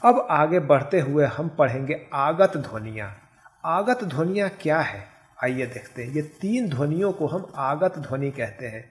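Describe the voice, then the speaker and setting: A male teacher giving a Hindi grammar lesson, explaining step by step and saying example words slowly and carefully. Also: on the high side, expressive. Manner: explains step by step, often checking with "ठीक है". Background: background noise.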